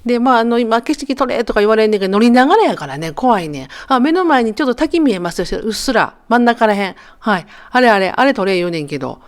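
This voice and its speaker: A woman's voice: on the high side, animated, quick pace, hardly any pauses. A woman in her sixties with a Kansai accent, narrating her travel vlog in a chatty, joking way, as if talking to friends. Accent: Kansai Japanese. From Japan. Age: 60s. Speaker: travel vlogger. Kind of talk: casual voice-over narration.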